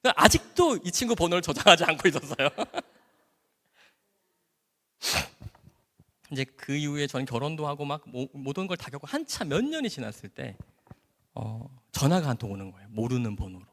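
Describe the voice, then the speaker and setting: An animated man telling a church testimony. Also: fairly high pitch, a little fast. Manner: animated, vivid storytelling with sound words. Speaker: doctor giving a testimony. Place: church camp gathering hall. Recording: hall reverb.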